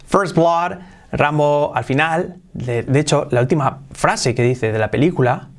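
A young man with a Spanish accent from Spain, teaching an English lesson in Spanish. He speaks with energy and repeats English phrases slowly, then quickly. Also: mid-range voice. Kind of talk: bilingual video lesson.

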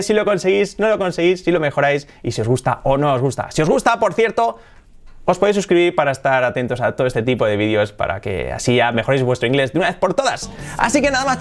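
A Spanish-speaking man with a fairly high voice teaches English pronunciation for a video channel. He's playful and lively, exaggerating sounds, laughing often, and joking directly with viewers.

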